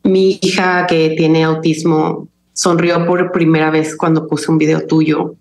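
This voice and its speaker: A woman from Mexico City speaks in a notably low, calm register with deliberate, careful diction. Her voice rings a little in an echoey room. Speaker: chef and recipe video creator, guest. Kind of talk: conversational interview.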